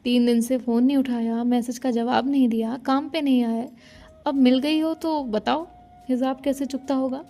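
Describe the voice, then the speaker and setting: A woman's voice: high voice, fairly even intonation, moderate pace, dark tone. A woman narrator voicing a bossy young woman who scolds and demands answers. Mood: scolding.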